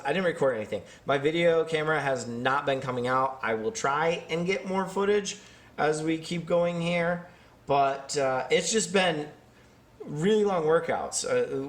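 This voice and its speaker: A man's voice: a little high, fairly bright tone. Casual rambling man in his thirties. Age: 30s. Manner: rambling, self-deprecating, frequent fillers and restarts. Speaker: vlogger and strength athlete. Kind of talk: casual talk with workout commentary.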